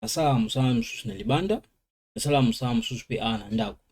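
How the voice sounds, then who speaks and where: Man slowly drilling English vocabulary. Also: mid-range voice, lively intonation, a little mellow, husky. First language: Lingala. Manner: switches between languages, slow drilling of English words. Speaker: language teacher. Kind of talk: informal vocabulary lesson.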